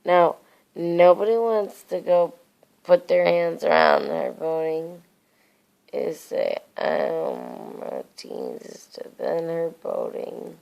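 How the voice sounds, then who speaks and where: A woman's voice: lowish voice, lively intonation, slow pace, vocal fry, a little mellow, clear, resonant tone, highs cut off. A woman talking in her sleep, rambling drowsily in disjointed nonsense at home at bedtime.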